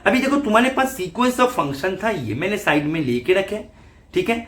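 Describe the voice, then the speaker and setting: A man's voice: high voice, lively intonation, moderate pace, fairly bright tone. A man teaching maths in an online exam-prep lecture, walking students through each step by asking and answering his own questions.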